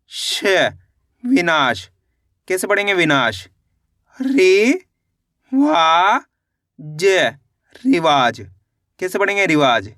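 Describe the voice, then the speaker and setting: A man's voice: high voice, pushed and bright, no echo, clean studio sound. A man teaching beginners to read. He sounds out each syllable, asks how the word is read, then answers it himself. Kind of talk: reading lesson for beginners.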